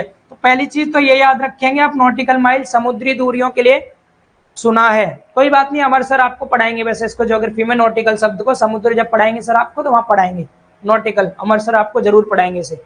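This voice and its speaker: A man's voice: very high voice, fairly bright tone, poor audio. A man teaching an online exam-prep lecture, often repeating key terms and calling his students brother or child. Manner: reads English definitions slowly, then explains in Hindi. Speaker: civil engineering teacher.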